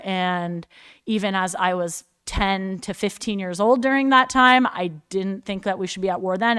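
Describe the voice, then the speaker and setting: A woman in her thirties, a city council member, giving measured, earnest remarks with frequent ums. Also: on the low side, a bit bright, clear, resonant tone, no echo.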